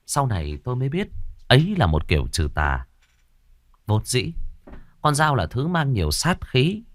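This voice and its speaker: A man narrates a ghost story with a lively, expressive delivery that rises and falls a great deal. His voice sits in a middle pitch. The recording is dry and close with no room sound. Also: no room sound.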